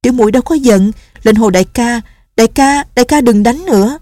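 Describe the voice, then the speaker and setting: A timid young nun girl, tearful and anxious, stammering out her pleas in a raised, soft voice, as a woman reads her part. The sound is dry and close. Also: on the high side, fairly quick, dry recording, voice pushed up, lightly acted. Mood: anxious pleading.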